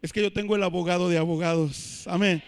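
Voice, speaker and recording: A man preaching a sermon in church, emphatic and swelling to shouts. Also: high voice, steady tone, fast, clear, resonant tone. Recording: reverberant church hall.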